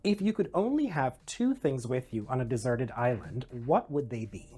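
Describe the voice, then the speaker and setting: A woman interviewer off camera, asking quick-fire questions in a brisk, upbeat way. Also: rumbling low, sing-song, mellow.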